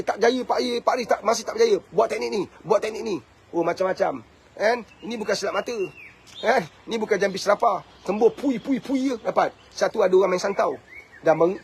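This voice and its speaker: A man's voice: high voice, a little mellow, slight background noise. A Malaysian Malay man in his fifties, a family coach giving a blunt, preachy talk to camera and scolding his listeners with repeated rhetorical questions. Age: 50s. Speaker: motivational speaker and family coach.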